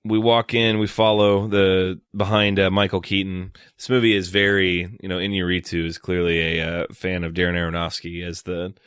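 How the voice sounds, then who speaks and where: Deep-voiced man recapping a film. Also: moderate pace, hardly any pauses, clean tone, dry recording, studio quality. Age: young adult. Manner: recapping scenes in a relaxed, joking way. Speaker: podcast co-host. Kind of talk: casual film discussion.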